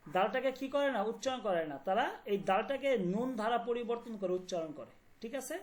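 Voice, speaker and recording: A woman teaching a language class online, explaining words slowly and often asking whether students follow. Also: fairly high pitch, animated. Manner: repeats words and checks understanding often.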